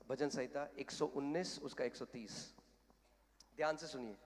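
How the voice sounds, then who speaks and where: A blunt, straight-talking pastor from India preaches a sermon with a fairly high voice. His words ring out with a long reverb, as in a large hall. He builds from plain talk to fervent, loud calls. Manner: blunt and direct, rising to fervent shouting.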